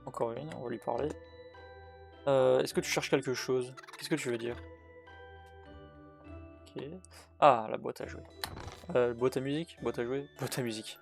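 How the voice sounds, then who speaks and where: Here the same kind of gaming YouTuber talks through a horror game, reading and translating its text with plenty of fillers and false starts. He speaks a little slowly at a medium pitch, in a steady, creaky voice with frequent pauses. Faint game music plays in the background.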